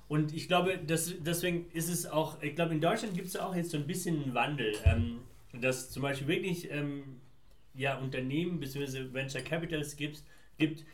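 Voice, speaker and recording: A man from Afghanistan, a founder answering interview questions in long, winding, reflective sentences. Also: medium pitch. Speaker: guest, founder. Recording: roomy echo.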